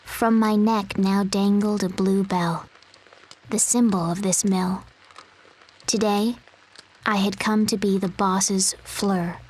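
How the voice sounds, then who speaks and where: A woman voicing a timid little animal who poses as a girl, narrating a game story in a soft, measured way. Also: mid-range voice, fairly even intonation, husky, poor audio. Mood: wistful.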